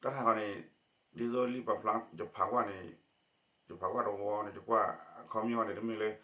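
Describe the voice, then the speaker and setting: A man presenting a news report with a steady spoken delivery. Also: fairly low pitch, moderate pace. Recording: echoey dull lo-fi recording.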